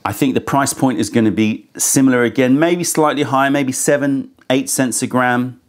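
Speaking at medium pitch and a moderate pace, a man in his thirties runs a casual tea tasting review indoors on a studio set with a sofa. He talks into a lapel mic, thoughtful and frank, a touch critical.

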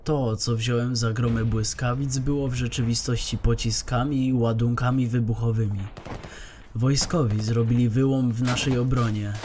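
A man narrating a dramatized post-apocalyptic audiobook with steady storytelling. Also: medium pitch, background noise.

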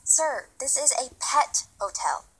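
A woman's voice: high voice, lively intonation, slow pace, fairly bright tone, husky, full character voice, rough recording. A woman playing an exasperated pet hotel receptionist in a scripted comedy scene. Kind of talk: prerecorded scene-partner lines, comedy.

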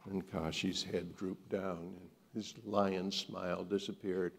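Slow male storyteller in a hall. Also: deep voice, level tone, creaky, slightly rough. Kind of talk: live storytelling to an audience. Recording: long hall reverb.

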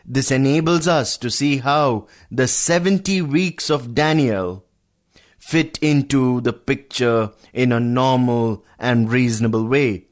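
A man teaching a verse-by-verse Bible study on the radio, calmly explaining and calling his listeners friends. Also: medium pitch. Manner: addresses listeners as friends, measured teaching pace.

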